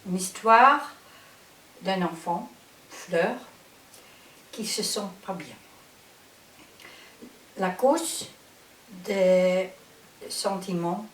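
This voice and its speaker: A woman with a Flemish Dutch accent gives an instructional introduction as a trainer. She talks slowly in careful, halting phrases, as a non-native speaker does. The sound is roomy and a bit distant from the microphone, with faint hiss. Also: on the low side. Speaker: psychotherapist trainer and presenter.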